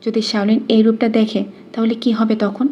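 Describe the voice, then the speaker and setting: A woman's voice: on the high side, level tone, normal speed, lo-fi sound, a little hiss or hum. A woman narrating a dramatic audiobook, reading every character's lines herself with little change of voice.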